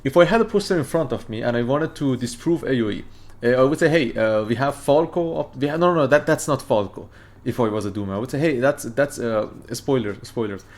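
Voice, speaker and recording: Hosting a casual reaction video, a native Farsi speaker makes his case in an excitable, rambling manner packed with fillers. He has a mid-range voice and talks briskly.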